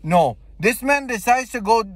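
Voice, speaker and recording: High-pitched man giving blunt sports fan commentary. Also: lively intonation, normal speed, no echo. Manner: blunt, emphatic, peppered with profanity and slang. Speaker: football fan giving game reaction.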